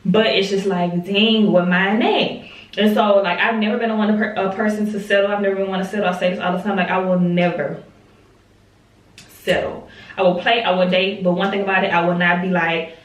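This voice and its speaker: A woman's voice: fairly low pitch, steady tone, normal speed. A young woman, talking candidly to camera in a casual vlog, swearing freely and drawing out her words. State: talking with a lozenge in her mouth. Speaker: vlogger. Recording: roomy and distant with faint noise.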